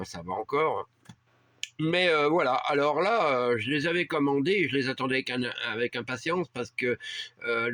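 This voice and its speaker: A man's voice: fairly low pitch, a bit bright, no echo. Rambling man telling a story, dry sound. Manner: rambling, many fillers and restarts. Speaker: vlogger. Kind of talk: casual storytelling. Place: rural home heated by a wood stove.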